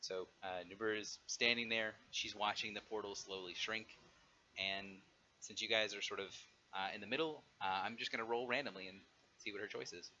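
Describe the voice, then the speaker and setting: Man, game master, halting narration, forceful bright tone, faint background noise. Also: fairly low pitch, fairly even intonation. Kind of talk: running an online tabletop game. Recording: dull audio with faint noise.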